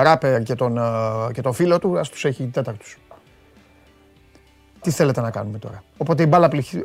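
A man delivering a satirical comic monologue about football, with mocking rants that jump from loud outbursts to low muttered asides. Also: no room sound. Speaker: comedian doing football commentary.

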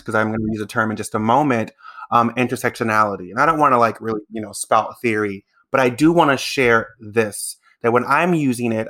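A man's voice: mid-range voice, pushed and bright. Earnest male podcast host. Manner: earnest, explanatory. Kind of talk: conversational interview.

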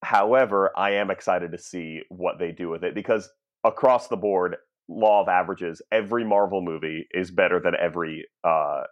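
A man co-hosting a podcast in casual chat, relaxed and explaining his opinions at length. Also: low voice, normal speed. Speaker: podcast co-host. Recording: dull lo-fi sound.

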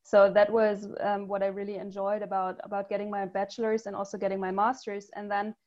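A woman from Germany speaks as a guest on a podcast interview. She talks thoughtfully, pausing on ums and restarting her sentences. The audio comes through somewhat dull and muffled. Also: mid-range voice, level tone, darkish tone. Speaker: guest, user research lead.

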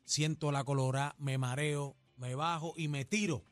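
A man's voice: a little high, unhurried, no echo, faint music behind. A man with a Puerto Rican accent, telling a story on a radio show and acting out the voices in it. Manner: animated, acts out voices in his story.

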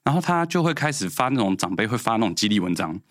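A man in his thirties with a Taiwanese Mandarin accent tells stories quickly and animatedly, his fairly low voice jumping around in pitch. He is a guest in casual chat and acts out the people he quotes. The sound is close and dry. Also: sing-song, a bit bright, dry recording. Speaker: guest, insurance salesman.

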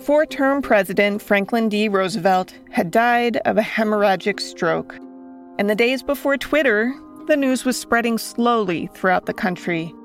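A woman with a medium-pitched voice narrates a scripted true story as a host. Her storytelling is measured, with faint music playing underneath. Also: expressive.

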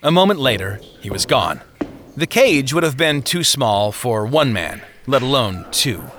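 A man reads a novel aloud in a steady storytelling manner, sometimes lightly voicing the characters. His voice sits at a middle pitch with a bright tone. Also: unhurried, slight background noise. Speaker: audiobook narrator. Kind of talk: scripted narration of a novel.

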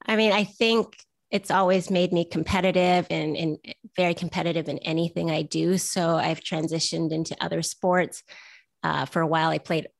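Speaking as an interview guest in a relaxed conversation, this Vancouver woman in her forties pokes fun at herself as she tells stories. Her voice is lowish and flat in delivery, moderately paced and marked by vocal fry. There's no echo.

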